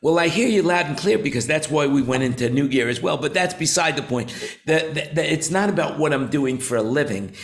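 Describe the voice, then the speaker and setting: A man's voice: fairly high pitch, animated, brisk, vocal fry. Rambling older man hosting a chat. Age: 70s. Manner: rambling, repeats words, many fillers. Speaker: show host, company founder. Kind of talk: casual roundtable chat.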